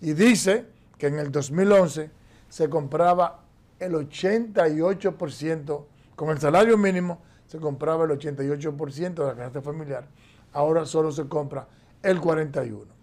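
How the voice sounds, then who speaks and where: On a TV news show, a man sits in the studio offering forceful political commentary on the economy, hands moving nonstop as he explains. He speaks at normal speed in a fairly high, darkish voice.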